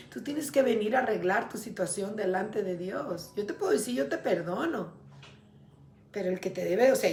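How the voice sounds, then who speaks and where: A woman's voice: medium pitch, creaky, echoey room. A woman preaching a sermon in a conversational way, often turning to her listeners directly.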